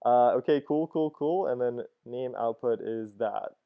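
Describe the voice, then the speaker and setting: Man, thirties, coding lesson, casual, thinks aloud, smooth resonant tone, desk mic. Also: mid-range voice, a little slow, phone-quality sound. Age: 30s. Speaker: teacher. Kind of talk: screen-recorded coding lesson.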